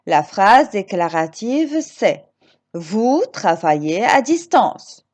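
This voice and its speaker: Slow, lively-voiced woman teacher. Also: medium pitch. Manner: slow, emphatic, repeating each example sentence; encouraging pupils with direct questions. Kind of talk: recorded grammar lesson for children.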